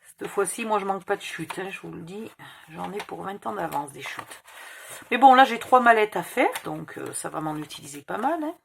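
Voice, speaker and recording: A woman's voice: mid-range voice, lively intonation, normal speed, gravelly, slight background noise. A woman with a slight Provençal accent, hosting a casual crafting tutorial, thinking aloud over measurements and correcting herself. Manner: muttering measurements, self-correcting.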